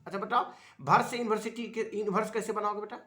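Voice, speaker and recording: In a home lesson, a man coaxes a child through spelling, patiently repeating his prompts while his explanations stumble along with filler sounds. His voice is high and steady, with a sharp edge.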